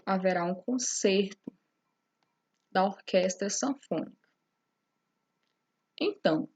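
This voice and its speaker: A woman's voice: mid-range voice, darkish tone, husky. A woman teacher explaining a lesson step by step, often checking in with her students. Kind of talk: recorded classroom lesson.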